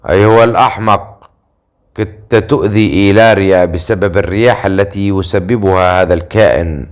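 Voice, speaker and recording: A man voicing a stern, icy male warrior who speaks flatly and threatens coldly. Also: lowish voice, normal speed, natural voice.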